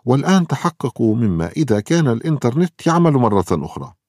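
A man voicing a bright excited girl. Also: mid-range voice, fast, no room sound, clean studio sound, voice pushed up. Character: bright, cheerful young girl.

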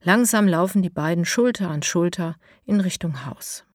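A woman narrating a children's storybook in a clear, even reading voice. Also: on the low side, moderate pace, no room sound, clean studio sound.

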